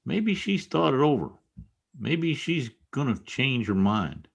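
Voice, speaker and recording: A man playing a simple, loyal frontier sidekick in an old-time radio western, with folksy rustic phrasing and a gently fretful manner. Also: medium pitch, big pitch swings, slow, gravelly, husky, heavily acted. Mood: hopeful, folksy.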